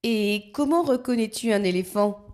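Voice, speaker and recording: A woman's voice: mid-range voice, moderate pace, darkish tone, pitched above the performer's own voice, lightly acted. A woman voicing an eager, talkative young female frog in a children's story. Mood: puzzled.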